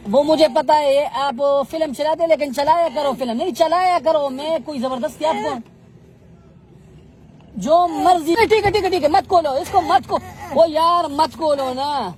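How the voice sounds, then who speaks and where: A man's voice: extremely high pitch, normal speed. Pleading man on a street. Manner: pleading, wheedling, mock-tearful. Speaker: street interviewer. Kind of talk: coaxing street confrontation.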